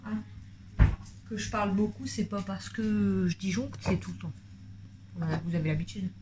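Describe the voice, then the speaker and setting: Excitable woman vlogger, chatty, mid-range voice, light room noise. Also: mid-range voice, moderate pace. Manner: rambling and talkative, jumps between topics; excitable, voice jumps up when worked up. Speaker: family vlogger. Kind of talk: casual chatty vlog to subscribers.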